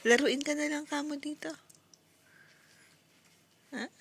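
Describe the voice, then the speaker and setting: A woman's voice: high-pitched, steady tone, slow pace, a bit bright. A young woman, a mother, chatting and teasing her baby in playful sing-song baby talk at home.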